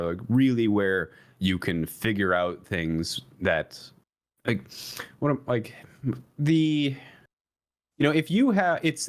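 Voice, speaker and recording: A man co-hosting an esports talk show, explaining his view in a rambling way, with many restarts and fillers. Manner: rambling with many restarts and fillers, jumps higher when emphatic. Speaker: esports podcast co-host. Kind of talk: casual analytical chat.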